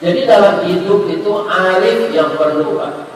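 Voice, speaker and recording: Male preacher, Minangkabau-tinged Indonesian accent, slow unhurried delivery, heard from a distance, long hall reverb. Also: sits high. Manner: humorous, drops softly into quoted prayers. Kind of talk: sermon storytelling. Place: mosque gathering. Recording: echoey hall, distant mic, faint noise.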